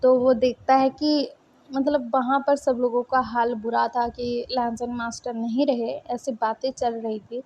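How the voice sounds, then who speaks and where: A woman's voice: a little high, flat delivery, a little slow, a little hiss or hum. A woman retelling a story in a casual, conversational way, full of small fillers. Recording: dull lo-fi recording.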